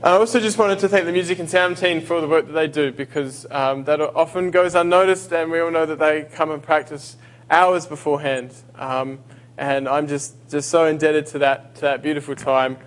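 Speaking at normal speed with fairly even intonation, a man with a slightly high voice preaches a sermon as a visiting guest in a church sanctuary. The Australian is hesitant, with fillers and restarts, before reading scripture aloud into a handheld or stand mic.

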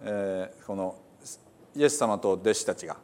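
A man's voice: low voice, moderate pace, a little mellow. A man, a pastor, talking casually to his congregation in a chatty, amused way. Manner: chatty, amused, reads quotes with a laugh.

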